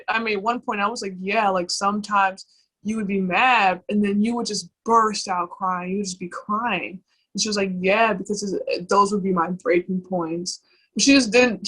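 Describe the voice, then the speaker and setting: A young woman with a bright, clear voice. She shares personal memories in a candid conversation and keeps halting, circling back with fillers and restarts. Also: medium pitch, poor audio. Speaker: guest.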